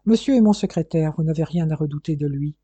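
A reader voicing a stern middle-aged male police chief who gives curt, brisk orders, in audiobook dialogue. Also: mid-range voice, mellow, breathy edge, dry recording, lightly acted.

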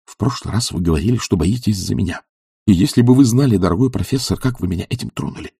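A man's voice: fairly low pitch, fast talker, creaky, mellow, slightly rough, no room sound, clean studio sound, heavily acted. A man voicing an earnest, devoted young doctor who pleads passionately and drops to urgent whispers.

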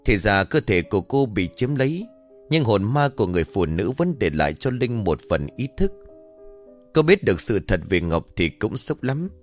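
A man narrating a scripted ghost story in an expressive storytelling way. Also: on the low side. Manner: expressive storytelling, voices every character.

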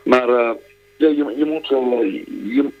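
A man calls in to a radio show as a singer and talks about his music. He speaks at a middle pitch, hesitantly, with many filler sounds and restarts. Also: steady tone, slow pace, poor audio.

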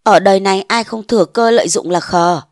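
A woman voicing a bold, scheming young wife of a mandarin, defiant and sharp-tongued, in a storybook reading. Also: mid-range voice, a little fast, dry recording, studio quality, lightly acted. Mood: scornful.

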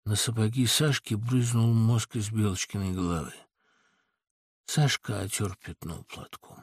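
A man reading a literary audiobook in a recording studio, with dramatic, expressive storytelling. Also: on the low side, unhurried, husky, no echo. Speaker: audiobook reader. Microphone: studio mic.

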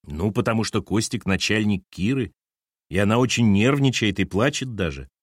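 A man reading as a soft-spoken, cautious man. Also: expressive, normal speed, dry recording, studio quality. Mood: questioning. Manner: soft, careful, low murmur. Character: cautious young man, gently questioning.

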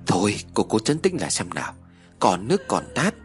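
A man voicing an older village woman who soothes a distraught mother in quick, hurried words, in a spoken horror story. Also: fairly low pitch, wildly swooping pitch, soft background music. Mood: consoling.

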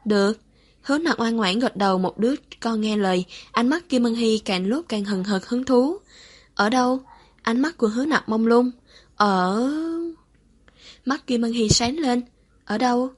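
Woman reading a serial romance story on her channel, bit high voice, smooth even telling. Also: normal speed, hardly any pauses. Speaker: audiobook narrator, channel host.

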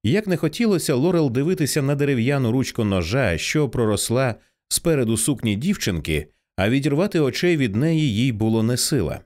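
A man narrating an audiobook in an expressive, dramatic reading style. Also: mid-range voice, fairly quick, few pauses. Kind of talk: scripted narration.

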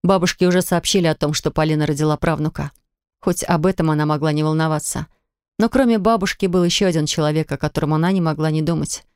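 Brief: female audiobook narrator, lowish voice, dry close studio sound, expressive. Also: fast, clean tone, no room sound. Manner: expressive, intimate storytelling. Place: recording studio.

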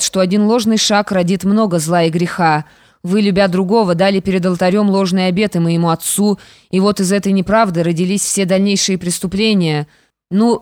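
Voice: medium pitch, darkish tone, dry recording, studio quality, lightly acted. An audiobook reader voicing a proud, stern young woman who speaks firmly and with indignation, yet forgives. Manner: indignant, firm.

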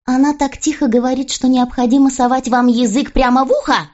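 A woman reading an audiobook, voicing a furious jealous young queen who shouts in a raised, higher voice. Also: animated, normal speed, lo-fi sound, close to an everyday voice. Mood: raging.

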